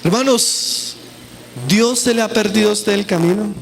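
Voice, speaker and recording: A man's voice: high-pitched, normal speed, a little hiss or hum. A man preaching a sermon at a church camp, earnest and pleading, speaking often to his listeners as brothers.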